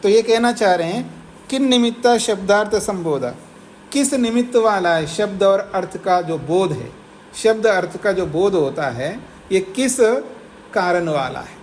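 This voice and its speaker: A man teaching a class, explaining a classical text patiently, asking his students questions and slowing down to read the Sanskrit lines aloud. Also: high voice, animated, a little hiss or hum, poor audio. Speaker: teacher of philosophy. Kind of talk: classroom lecture on scripture. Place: ashram classroom.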